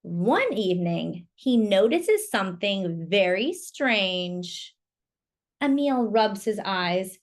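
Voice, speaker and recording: Reading a picture book aloud to children, a woman storyteller stops now and then to ask her listeners questions and remark on the pictures. Her voice is medium in pitch with a sing-song quality.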